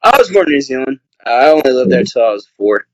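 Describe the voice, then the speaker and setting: A man's voice: mid-range voice, sing-song, fast talker, no room sound, rough recording. Laid-back young man on a video call. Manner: laid-back, rambling with many fillers. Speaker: guest, pro wrestler. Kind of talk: casual podcast interview. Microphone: webcam on a video call.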